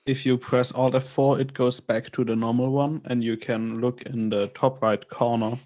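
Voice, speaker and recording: A man's voice: medium pitch, flat delivery, moderate pace, darkish tone. A man on a video call giving patient step-by-step technical instructions. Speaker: workshop helper guiding setup.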